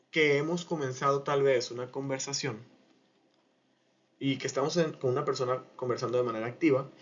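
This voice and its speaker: A man teaching a language lesson in Spanish, patiently explaining grammar and repeating example sentences slowly. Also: medium pitch. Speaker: Japanese teacher. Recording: muffled lo-fi sound.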